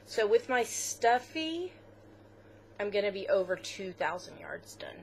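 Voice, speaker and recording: A woman's voice: mid-range voice, big pitch swings, unhurried, a little hiss or hum. Chatty woman co-hosting a knitting podcast. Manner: chatty, with fillers, close to tears at times. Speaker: podcast co-host. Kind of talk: casual chat.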